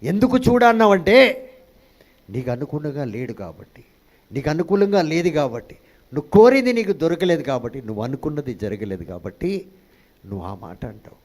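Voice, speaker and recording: A man's voice: mid-range voice, big pitch swings, a little fast, dark tone. A male pastor preaching a sermon, calling out to the congregation for responses and dropping in English phrases.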